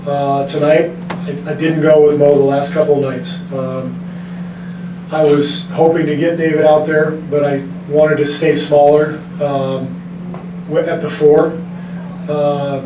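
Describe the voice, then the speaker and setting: Coach guy at a press conference, steady kinda flat delivery, lots of restarts, sounds far from the mic in an echoey room w some noise. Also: a little high. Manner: measured, frank, many restarts and fillers. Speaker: basketball head coach. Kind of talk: post-game press conference answers. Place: press room in front of a team backdrop. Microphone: desk mic on a stand, recorded from the room.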